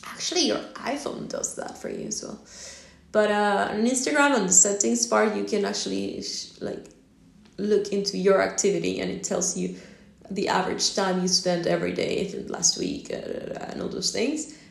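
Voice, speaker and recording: Chatty woman with a gravelly voice. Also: medium pitch, fairly even intonation, normal speed, echoey room. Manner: rambling, laughs often, fillers. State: yawning, drowsy. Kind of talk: casual solo talk. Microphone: phone on a stand.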